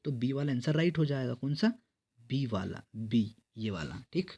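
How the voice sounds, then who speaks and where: A man's voice: medium pitch, lively intonation, dark tone, highs cut off. Man teaching, quizzing himself aloud. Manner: explains step by step, asks and answers his own questions; reads English quiz sentences slowly and clearly. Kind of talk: exam-prep English grammar lesson.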